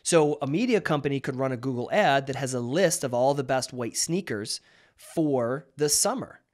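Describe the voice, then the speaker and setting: A man's voice: medium pitch, expressive, moderate pace. A man in his thirties, a marketing host, explaining in a casual, conversational way with restarts and rhetorical questions. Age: 30s.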